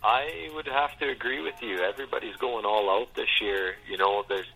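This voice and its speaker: A man's voice: mid-range voice, moderate pace, vocal fry, bright, forceful tone, husky, soft background music, low-quality recording. A man from the prairies, a touring musician chatting casually in an interview, easygoing and rambling, often saying "you know what I mean.". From Canada, Saskatchewan.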